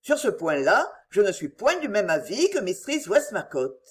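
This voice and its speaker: A man's voice: sits high, huge pitch swings, normal speed. A woman voicing a flustered elderly male doctor, a stern father reacting with incredulous exasperation in a storybook reading.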